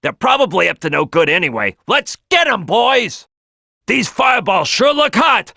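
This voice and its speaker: A man's voice: high voice, sing-song, moderate pace, creaky, bright, forceful tone, dry recording, studio quality, full character voice. A man voicing a brash, bossy crocodile detective in a video game, boisterous and cocky, with a streetwise, barking delivery. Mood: rowdy, fired-up. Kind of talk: animated video game character acting.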